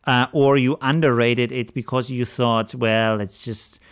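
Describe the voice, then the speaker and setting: Male video host, mid-pitched, frank, chatty advice delivery with lots of "uh"s, English. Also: unhurried, clean tone. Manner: frank, animated, frequent fillers and restarts. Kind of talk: casual advice talk to camera.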